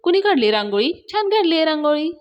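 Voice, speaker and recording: A woman's voice: sits high, very animated, quick pace, lo-fi sound, pitched above the performer's own voice. A woman voicing a fussy, defensive elderly man who keeps protesting his innocence.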